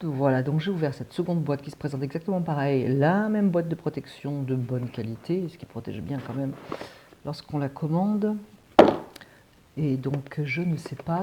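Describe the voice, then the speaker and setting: A woman's voice: deep voice, very noisy. A woman hosting a watercolor channel, chatting casually through an unboxing and thinking aloud with frequent hesitations.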